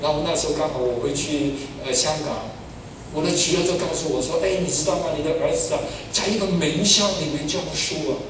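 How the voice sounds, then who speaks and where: An older man preaching as a pastor, an animated storyteller who swings from loud exclamations to soft asides. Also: a little high, fast. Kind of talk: sermon with personal stories. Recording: echoey hall, far from the mic, noisy.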